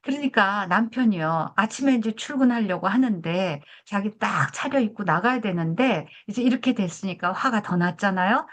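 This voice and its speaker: A woman's voice: mid-range voice, lively intonation, normal speed, few pauses. A woman in her seventies, a family therapy professor, lecturing in a conversational way and telling a story from her own marriage. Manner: conversational, asks listeners for agreement.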